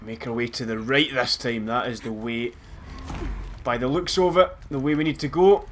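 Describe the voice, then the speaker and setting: A man's voice: medium pitch, moderate pace, a little hiss or hum. Chatty Scottish man commentating a game. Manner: chatty, self-mocking, bursts into loud laughs. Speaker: let's play host. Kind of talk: casual gameplay commentary.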